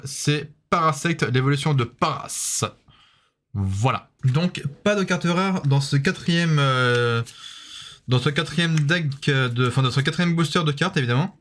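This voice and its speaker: A man with a fairly high voice talks his viewers through opening card packs in a relaxed, rambling way. He fills every pause with hesitations and punctuates each card with a quick "voilà". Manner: says "voilà" after nearly every card, hesitant with many fillers; chatty, addresses viewers directly. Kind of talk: casual unboxing commentary.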